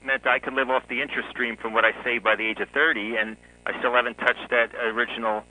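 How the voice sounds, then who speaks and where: A man in his forties, a guest author, telling his life story in a relaxed interview, often chuckling. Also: medium pitch, fast talker, a little hiss or hum, poor audio. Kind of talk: conversational interview.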